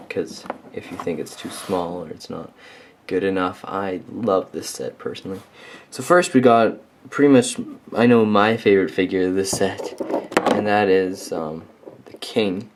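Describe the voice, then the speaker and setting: Low-voiced man rambling excitedly. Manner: rambling and enthusiastic, lots of ums and likes. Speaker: toy reviewer. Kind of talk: casual unscripted product review.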